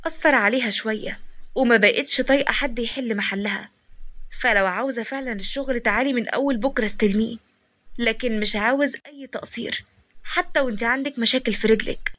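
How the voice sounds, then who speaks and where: A woman with an Egyptian accent voicing a stern, gruff male shop owner who is a widowed father, speaking in short commanding lines. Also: a little high, fast talker, a bit bright. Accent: Egyptian Arabic. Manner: curt, commanding.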